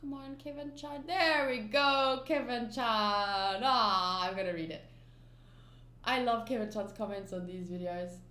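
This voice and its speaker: A woman speaks a little slowly in a sharp, steady voice on the high side. As an anime reaction YouTuber and native Afrikaans speaker, she gives rambling, emphatic casual commentary packed with restarts and fillers, captured in a roomy, echoey room with a faint hum.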